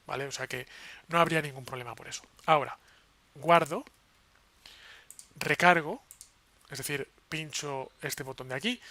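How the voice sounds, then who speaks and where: A man walks through a coding lesson in a friendly, chatty way. His voice is bright and forward, pitched a little high for a man, and he keeps checking that the listener is following. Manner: conversational, frequent "¿vale?" check-ins. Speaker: web development instructor. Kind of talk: screen-recorded coding lesson.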